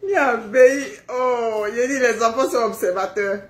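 A high-pitched middle-aged woman tells her viewers about life at home in a loose, chatty live stream. She laughs often and acts out family arguments with lively energy. Her voice rings in an echoey room. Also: unhurried. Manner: animated, laughing, acting out family quarrels. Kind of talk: casual storytelling to viewers. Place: at home, indoors.

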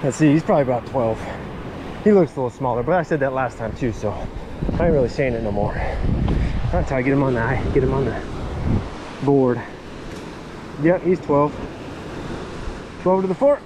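On a windy open sea beach, a man delivers casual fishing vlog commentary in an excitable, folksy, slangy style. His medium-pitched voice moves fairly quickly with frequent pauses, captured on a body-worn action camera alongside wind and crashing waves.

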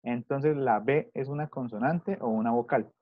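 A man teaching children over a video call, asking the same question again and again with patience. His voice comes through dull and slightly muffled, and it sounds very dry and close. He speaks at an everyday middle pitch. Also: moderate pace, no echo. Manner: patient, repeats questions to pupils. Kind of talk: online English class taught in Spanish.

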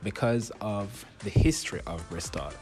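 A man's voice: on the low side, moderate pace, darkish tone, soft background music. A young man with a Jamaican accent, answering interview questions in an articulate, reflective way. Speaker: interviewed student.

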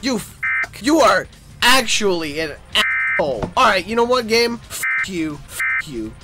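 A man calling out his own racing game as he plays it, casual and loud, often shouting and cursing at the cars. His voice sits high and leaps up and down constantly. Game music plays clearly under him. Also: a little slow. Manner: excitable, swearing, shouting at the game. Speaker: streamer playing a racing game. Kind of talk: casual gameplay commentary.

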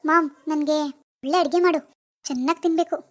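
A woman's voice: high voice, steady tone, a little fast, pitched below the performer's own voice, lightly acted. A woman voicing a grieving young woman who believes she is still pregnant, childlike, dreamy and stubborn. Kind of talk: animated family drama voice acting.

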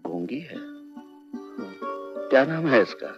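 An actor playing a blind, heartbroken husband who speaks in wounded, poetic reproaches. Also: male voice, medium pitch, sing-song, slow, over music. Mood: guarded. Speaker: lead actor. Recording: dull old film soundtrack with score.

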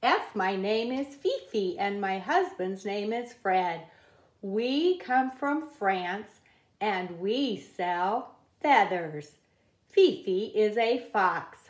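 A woman reading a children's picture book aloud at a table, in a slow, careful read-aloud cadence. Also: mid-range voice, lively intonation, roomy sound. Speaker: reader. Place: indoors at a wooden table.

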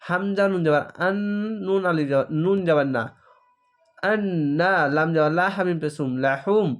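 A man with a Bangladeshi Bengali accent teaching Quran reading, spelling out each letter and vowel mark aloud, then blending the syllables. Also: on the high side. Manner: recites verses in a slow drawn-out chant. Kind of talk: slow spelling-out recitation lesson.

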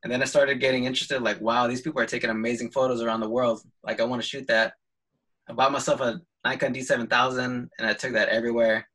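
A man's voice: mid-range voice, flat delivery, fast, fairly bright tone, low-quality recording. A man talking about his photography on a video call, hesitant and easygoing, with lots of ums and restarts. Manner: hesitant, full of fillers and restarts, laughs lightly. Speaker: photographer guest. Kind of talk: casual video call chat.

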